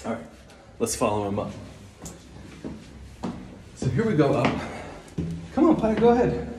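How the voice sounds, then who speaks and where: Against a noisy background, a man in his thirties speaks in a slightly high voice, a little slowly. He's a minister strolling through an old stone church, inside and on the roof, chatting in a relaxed tour-guide manner while filming himself on a phone at arm's length.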